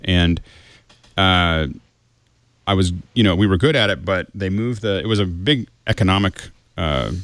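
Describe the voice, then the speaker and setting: A man's voice: low voice, a bit bright, dry recording. A man in his fifties, a panelist in a casual tech chat, telling stories with tumbling restarts. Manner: chatty storyteller, tumbling restarts.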